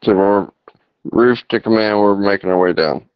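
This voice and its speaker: Low-voiced man on emergency radio. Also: normal speed, clean tone, dry recording. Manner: terse procedural radio phrasing. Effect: two-way radio. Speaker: firefighter on roof crew. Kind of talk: fire radio transmissions, like ambulance radio traffic. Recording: dull lo-fi radio transmission.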